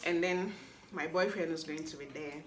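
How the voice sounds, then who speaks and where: With a low-pitched voice at a moderate pace, a woman in her twenties hosts a solo podcast recap. She's chatty and playful, teasing the listener, and the room has an echo.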